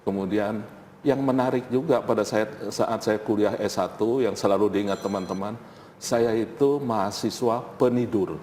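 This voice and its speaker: A man's voice: on the low side, moderate pace, a little mellow. A middle-aged man telling informal anecdotes as an interview guest, repeating phrases for emphasis. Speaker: interview guest, college head. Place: TV studio. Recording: reverberant hall, faint background noise.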